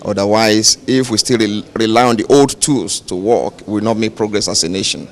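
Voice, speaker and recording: A man speaking as an official in an interview, deliberate and pausing often. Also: on the low side. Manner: deliberate, with many pauses. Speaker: regulator official. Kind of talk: interview statement.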